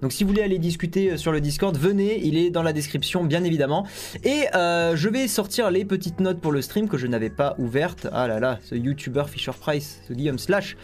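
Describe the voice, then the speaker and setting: A man's voice: fairly high pitch, brisk. A man hosting a casual tech live stream, chatty and joking, with many fillers and asides.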